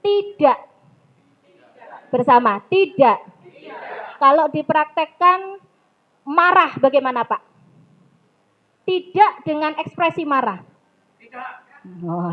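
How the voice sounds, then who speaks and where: Woman trainer, high voice, slow, coaxing the crowd, kinda dull lo-fi audio. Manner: lively, coaxing the audience, mixes in Javanese. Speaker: public speaking trainer. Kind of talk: interactive training talk with storytelling. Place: mosque hall. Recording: dull lo-fi recording.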